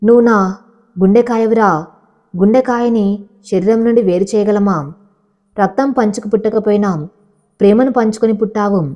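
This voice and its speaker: A woman's voice: mid-range voice, normal speed, long pauses, dark tone, highs cut off, lightly acted. Woman reading a choked-up loving old father. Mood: moved.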